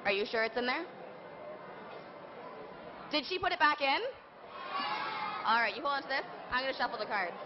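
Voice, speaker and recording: A woman's voice: high voice, lively intonation, normal speed, pauses often. A woman presenting a live children's science and magic show in the playful manner of a kids' party magician, prompting the audience to join in. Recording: muffled live event recording, noisy crowd. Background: crowd of an audience, background noise.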